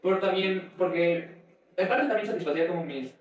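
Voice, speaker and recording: A young man from Uruapan, a guest student talking in a relaxed, casual way. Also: high voice, brisk, heavy reverb, far from the mic, poor audio. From Uruapan, Mexico. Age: young adult. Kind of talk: casual conversation.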